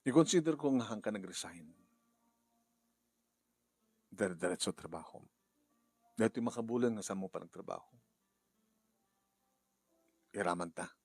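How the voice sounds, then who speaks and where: A firm, fair-minded company boss, played by a man in an audio drama, speaking with steady authority. His low voice is gravelly and husky, recorded close and dry. Faint music runs behind him. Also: no echo. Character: middle-aged male company boss, firm but fair. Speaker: storyteller and voice actor.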